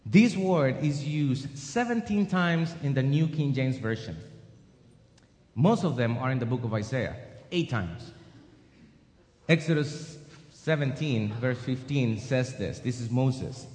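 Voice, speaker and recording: A man's voice: mid-range voice, animated, slow, darkish tone. A man preaching a sermon with an emphatic, rising and falling cadence. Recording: long hall reverb.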